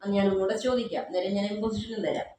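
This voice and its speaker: A woman's voice: mid-range voice, steady tone, racing, dark tone. A woman teaching grammar to a class, firmly quizzing students and repeating their answers back to them. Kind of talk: classroom drilling with questions. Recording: very echoey room, faint background noise.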